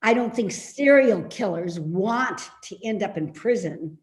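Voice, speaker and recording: A woman in a readers theater play gives voice to a grumbling, suspicious elderly mother, nagging with indignation at a slow, insistent pace. Her mid-range voice is animated and close to how she talks every day, in a roomy, echoey remote reading.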